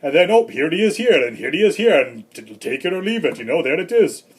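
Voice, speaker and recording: Grumpy old santa ranting on a comedy vlog, husky kinda breathy voice, a bit high, some guy doing him. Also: brisk, heavily acted. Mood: grumbling. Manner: rambling, grumbling, deadpan self-important asides. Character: rambling grumpy old Santa Claus, male. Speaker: comedy vlogger.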